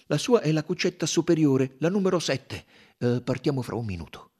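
A man's voice: a little high, lively intonation, brisk, darkish tone, husky, pitched above the performer's own voice. A man voicing a deferential, apologetic male train conductor.

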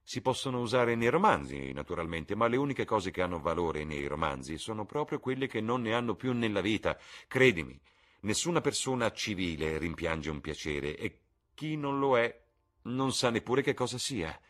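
A man's voice: on the low side, big pitch swings, normal speed, a bit bright, pitched above the performer's own voice. A man doing a languid, ironic aristocrat. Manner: ironic, epigrammatic.

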